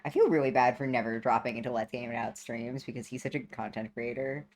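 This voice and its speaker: A woman's voice: extremely low pitch, fairly even intonation, quick pace, a little mellow, a little hiss or hum. A woman co-hosting a game stream, chatting casually with a dry, teasing manner. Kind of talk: casual chat while gaming.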